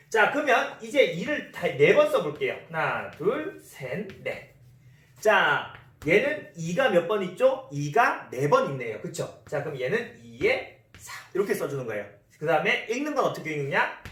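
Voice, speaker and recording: A man's voice: high voice, fairly bright tone. A man teaching a math lesson in a classroom, repeating key terms and asking the class questions. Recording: roomy echo, voice from a distance.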